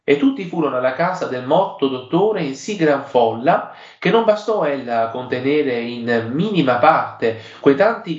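A man's voice: mid-range voice, muffled recording. Man reading aloud in an echoey room. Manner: halting, with many fillers and restarts. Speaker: reader. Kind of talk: reading an old legend aloud.

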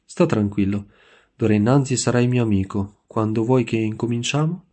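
Kind earnest young priest, a guy reading him in a storybook, soft dark voice, gentle questions. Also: medium pitch, moderate pace, close to an everyday voice. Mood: kindly.

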